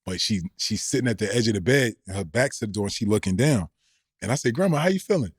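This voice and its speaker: Breathy at the edges and lowish in pitch, this middle-aged man's voice moves fast as he tells casual, rambling, slangy stories in a laid-back way. He's a former pro basketball player appearing as a podcast guest, recorded in studio quality without echo.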